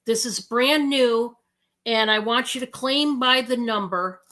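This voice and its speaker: An American woman hosting a live sales stream, chatting casually and slowly with many fillers. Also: a little high, fairly bright tone.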